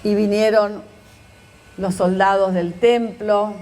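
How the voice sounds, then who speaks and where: A woman leads a storytelling meditation at an unhurried pace. Her voice sits at a middling pitch, and she pauses often between phrases. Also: fairly even intonation, darkish tone. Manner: slow, pausing storytelling with quoted dialogue.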